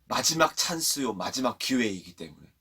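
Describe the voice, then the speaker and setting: A man preaching a sermon to children at a church online service, telling the story in a lively way and asking the children questions. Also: mid-range voice, normal speed, breathy edge.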